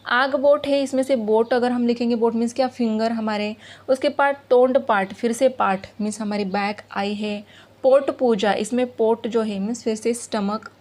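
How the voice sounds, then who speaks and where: A woman teacher, patiently explaining a school lesson to children, reading words aloud and asking questions. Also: a little high.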